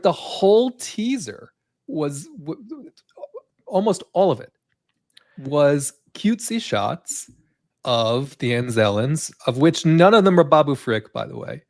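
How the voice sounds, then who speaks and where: A man's voice: fairly high pitch, big pitch swings, measured pace, darkish tone, no room sound, studio quality. A man co-hosting a live entertainment news chat, talking in long rambling runs full of fillers and tag questions. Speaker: co-host.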